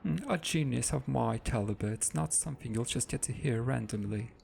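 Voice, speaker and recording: A man's voice: medium pitch, a little fast, creaky, darkish tone. A man doing a haughty genius lady with a British accent. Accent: put-on British. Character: haughty female genius scientist, self-important.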